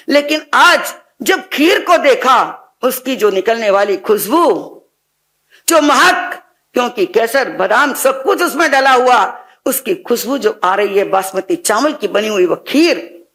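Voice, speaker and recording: A woman preacher tells a devotional sermon story at a slow, deliberate pace. She stresses key words emphatically. She often stops to ask her listeners rhetorical questions. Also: fairly high pitch, fairly bright tone. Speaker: Jain nun preacher.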